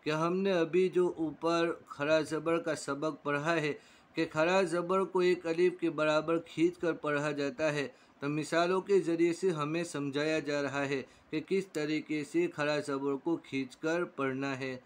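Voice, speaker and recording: A man's voice: on the high side, steady tone. A man teaching beginners to read, spelling out letters and syllables one by one and explaining each rule. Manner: slow, drawn-out syllable drilling with explanations. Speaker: Quran reading teacher. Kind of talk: step-by-step spelling lesson.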